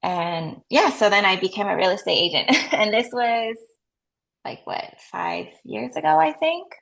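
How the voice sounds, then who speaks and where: A woman's voice: mid-range voice, expressive, measured pace, gravelly, fairly bright tone. A woman in her thirties, raised in the US, chatting casually as a guest about her work as a real estate agent, with frequent "like" and light laughs. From United States. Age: 30s. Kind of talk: casual interview answers.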